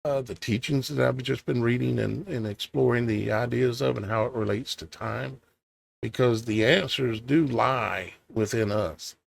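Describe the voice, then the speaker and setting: This tired man's mid-range voice carries vocal fry and is starting to give out. Working as an online preacher, he reads scripture at a measured pace and pauses to reflect through uncertain, questioning asides.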